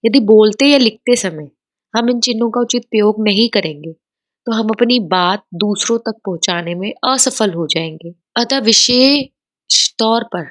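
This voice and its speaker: A woman teaching a grammar lesson over slides, explaining patiently and mixing in English words. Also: mid-range voice.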